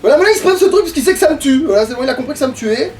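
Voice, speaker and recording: A let's play gamer grumbles through casual gameplay commentary, exasperated and foul-mouthed. The voice is high and very fast with lively intonation and a darkish tone, sitting far from the mic over soft background music.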